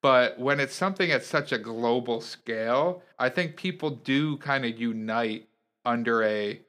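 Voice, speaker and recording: A man co-hosting a podcast, casually talking through a TV episode and retelling scenes in an animated way. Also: mid-range voice, unhurried. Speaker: podcast co-host. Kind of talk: casual chat recapping a TV show.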